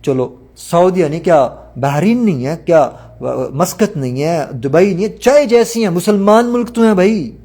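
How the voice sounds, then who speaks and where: A man's voice: high-pitched, lively intonation, few pauses, mellow. A man preaching a sermon, talking emphatically and putting rhetorical questions to his listeners.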